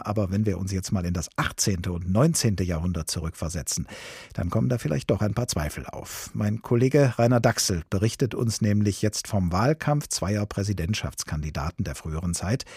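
Man, radio host, measured presenter, warm dark tone, dry studio sound. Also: on the low side, breathy edge, no echo. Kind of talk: scripted radio moderation. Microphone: studio microphone.

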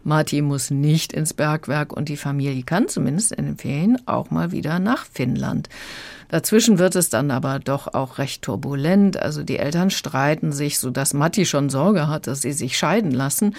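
A woman critic talking through a children's audiobook on the radio in a calm, chatty way. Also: low voice, moderate pace, no echo. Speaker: book critic. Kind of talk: radio book review.

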